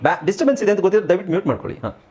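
A man with a Kannada accent teaching an English class online, drilling word lists slowly, then explaining briskly. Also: high voice, very animated, darkish tone, slight background noise.

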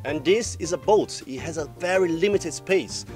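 A young man with a Portuguese accent guides viewers around a sailboat, keen and explanatory. His voice sits a touch high. Quiet music plays underneath. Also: moderate pace. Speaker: vlog host. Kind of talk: casual touring narration. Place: on a sailboat, cabin and deck.

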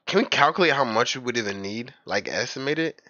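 A man's voice: mid-range voice, lively intonation, fast talker, bright, forceful tone, dry recording, highs cut off. A young man chatting casually with friends during a game stream, rambling with lots of filler and calling them bro. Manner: rambling, filler-heavy, says "bro" and "like" a lot. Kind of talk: casual gaming chat.

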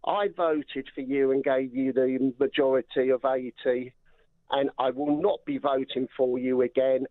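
A man's voice: mid-range voice, flat delivery, a little slow, dry recording. Angry older man calling in by phone. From England. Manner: angry, repeats words and trails off. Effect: phone line. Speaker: radio phone-in caller. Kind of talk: political rant on a call-in show. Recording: tinny phone line.

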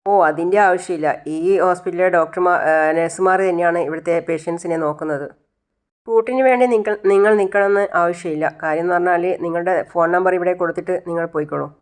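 A narrator voicing a calm male hospital doctor who explains things patiently. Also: mid-range voice, fast, natural voice. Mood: reassuring. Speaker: doctor in the story.

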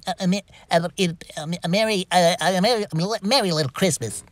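Man as high, stuttering cartoon pig. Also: brisk, no room sound, natural voice. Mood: flustered. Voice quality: heavy stutter. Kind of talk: cartoon parody singing.

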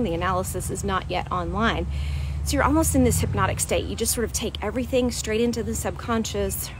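A woman with a medium-pitched voice, a weight loss coach, chats casually while walking in a vlog at a beach park outdoors. She explains things with plenty of "right?" and "um." Her wired earphone mic, with the phone held at arm's length, picks up slight background noise.

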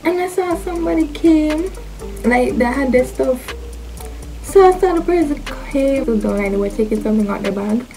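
A woman's voice: high-pitched, moderate pace, warm tone, faint music behind, low-quality recording. A young woman with a Jamaican accent chatting casually and playfully to camera, using slang as she answers questions about herself. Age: young adult.

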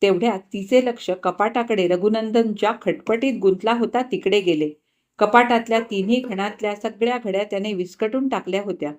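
A woman narrating a novel in a calm, measured storytelling manner. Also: mid-range voice. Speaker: audiobook narrator.

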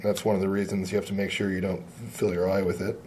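Low-voiced man explaining fly tying. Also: quick pace, slight background noise. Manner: relaxed, plain-spoken, with frequent uh fillers. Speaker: fly tier at a fly shop. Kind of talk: instructional tying demonstration. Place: tying bench indoors.

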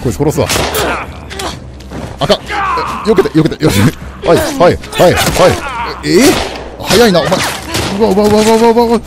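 A man commenting on a game he plays, swinging from low mutters to startled yelps. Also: big pitch swings, normal speed, vocal fry, pauses often. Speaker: game streamer. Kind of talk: excited let's-play commentary. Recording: game music loud behind voice. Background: game sounds and music.

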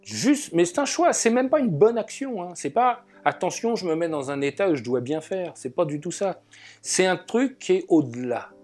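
A man giving a spoken talk about inner life, musing and telling anecdotes, with pauses and filler words. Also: high-pitched, expressive, darkish tone. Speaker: alchemy speaker. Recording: faint guitar music behind.

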